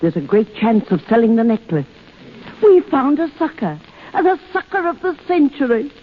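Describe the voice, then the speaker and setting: An actress playing a blunt, wisecracking elderly aunt from a gang of swindlers in a 1930s radio drama. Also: female voice, fairly high pitch, sing-song, moderate pace. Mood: brisk, scheming. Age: older. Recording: dull, noisy 1930s radio broadcast.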